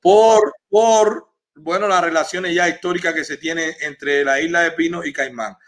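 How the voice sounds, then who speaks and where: A man's voice: fairly high pitch, fairly even intonation, moderate pace. A man from Cuba hosting a livestream, giving the viewers an earnest update. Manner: earnest, informative, frequent "eh" fillers. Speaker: livestream host.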